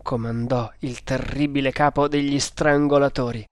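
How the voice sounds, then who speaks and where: A man's voice: mid-range voice, fairly even intonation, background noise. Man narrating an adventure novel. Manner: measured, dramatic storytelling. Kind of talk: audiobook reading. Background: faint music.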